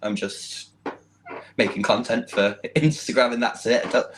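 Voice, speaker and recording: A man's voice: medium pitch, normal speed, noisy background. A young man from Manchester with a Mancunian accent, chatting casually as a podcast guest and often laughing at himself. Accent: Mancunian English. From Manchester, England. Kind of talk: casual chat.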